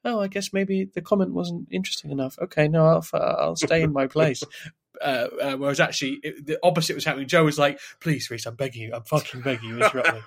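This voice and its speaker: A man co-hosting a casual film podcast, excitable and joking, his microphone input clipping and distorted. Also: fairly high pitch, quick pace, creaky. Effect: clipping, distorted mic audio. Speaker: podcast co-host.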